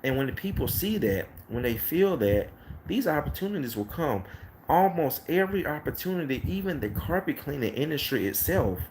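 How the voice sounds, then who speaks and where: A man's voice: fairly high pitch, big pitch swings, normal speed, darkish tone, slight background noise. A man in his late thirties who owns a carpet cleaning business tells a casual, rambling story to camera, often repeating "next thing you know". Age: 30s.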